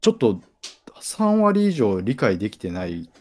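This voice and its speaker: A man's voice: on the low side, huge pitch swings, unhurried, mellow. A man, a manga artist appearing as a guest, chatting casually in a thoughtful, analytical way. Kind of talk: casual chat.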